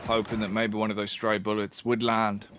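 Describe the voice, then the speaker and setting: A man's voice: lowish voice, completely flat delivery, moderate pace, background noise. A man working as an esports caster, giving fluent, colourful play-by-play commentary on a game. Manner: colourful, fluent descriptions of the action.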